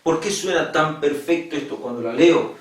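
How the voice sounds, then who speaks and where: A man's voice: fairly high pitch, normal speed, distant mic. A male secondary school teacher, patiently giving an online lesson on poetic meter, repeating key words and checking that his students follow. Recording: echoey room, voice from off-mic.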